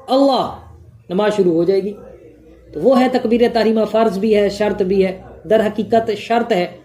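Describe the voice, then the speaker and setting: A woman's voice: medium pitch, dark tone. Woman teaching religious law, numbers each point, asks then answers herself. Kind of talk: religious jurisprudence lesson.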